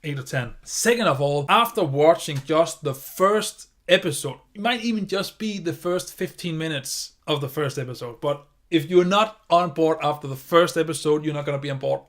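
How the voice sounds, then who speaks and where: A man's voice: a little high, normal speed, few pauses, a bit bright. A man giving a casual video review of a TV series, enthusiastic and rambling, often circling back on his points.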